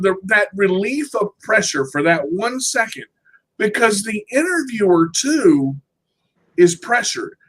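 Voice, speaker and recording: A man telling stories in a casual conversation, animated and often repeating his words as he gets going. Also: high-pitched. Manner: animated storyteller, repeats words when starting. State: uses a wheelchair.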